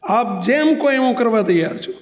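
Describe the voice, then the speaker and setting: A man's voice: very high voice, expressive, fairly quick, roomy sound, pitched above the performer's own voice. A monk acting out a sobbing young man. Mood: pleading. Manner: sobbing, pleading. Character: tearful young man pleading with his teacher.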